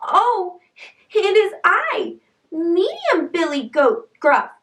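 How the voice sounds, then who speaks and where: A woman voicing a nervous middle-sized billy goat with a high, shaky pleading voice in a children's story. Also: huge pitch swings, very slow, fairly bright tone, far from the mic, exaggerated voice.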